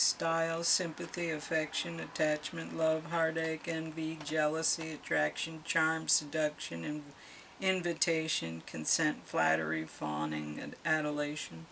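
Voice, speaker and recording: A woman's voice: deep voice, gravelly, fairly bright tone, slight background noise. A middle-aged woman doing a casual tarot reading, chatty and exclamatory as she reads card meanings aloud. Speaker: tarot reader.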